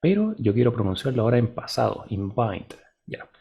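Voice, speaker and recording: Male teacher, low gravelly husky voice, patient and deliberate, lesson delivery. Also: big pitch swings, dark tone. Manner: patient, checks in with "¿cierto?" and "¿ya?"; slow, deliberate modeling of English words. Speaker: English teacher. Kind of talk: classroom lesson explanation.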